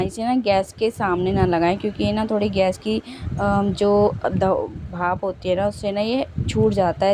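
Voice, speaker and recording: Chatty woman vlogger over background noise. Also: mid-range voice. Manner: chatty and homely, with many fillers and self-corrections. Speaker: home vlogger. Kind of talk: casual voice-over narration of a kitchen cleanup.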